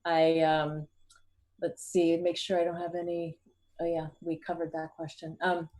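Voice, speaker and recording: A woman hosting an interview over a video call, speaking hesitantly with frequent pauses and thanks. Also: low voice, monotone, darkish tone. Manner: hesitant, rambling, appreciative. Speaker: interview host.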